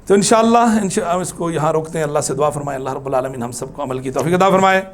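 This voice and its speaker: Man teaching a religion class, kinda high voice, gets loud and emphatic, chants verses slow. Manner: animated, rises high for emphasis, chants Arabic verses slowly; ends in soft, low supplication. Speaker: Islamic teacher.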